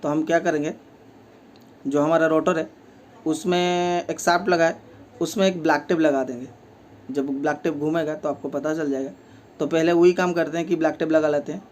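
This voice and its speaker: A man's voice: on the high side, fairly even intonation, normal speed, a little mellow, a little hiss or hum. A man with speech, a repair technician who explains each step of fixing a table fan in a plain way, with many fillers. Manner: speaks while working with his hands.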